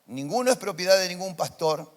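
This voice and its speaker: High-voiced Rioplatense pastor preaching. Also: male voice, lively intonation, brisk. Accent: Rioplatense Spanish. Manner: impassioned preaching, swinging from soft to loud declarations. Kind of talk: sermon. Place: church.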